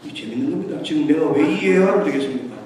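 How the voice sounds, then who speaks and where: With crowd noise around him, a middle-aged guest revival pastor races through a storytelling sermon, animated and fairly high-pitched. He shares anecdotes and mixes in English terms, heard from far off in an echoey church sanctuary.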